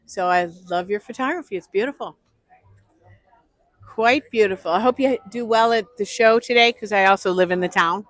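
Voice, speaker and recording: A woman's voice: mid-range voice, moderate pace, fairly bright tone, no echo. A woman walking through an outdoor art festival, narrating her vlog chattily and greeting people she passes. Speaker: vlogger.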